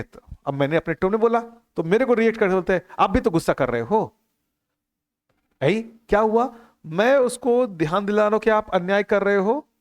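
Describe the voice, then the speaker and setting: A middle-aged man giving an earnest talk to a live group, asking questions and repeating his key phrases. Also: high-pitched. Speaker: teacher of a value-education course.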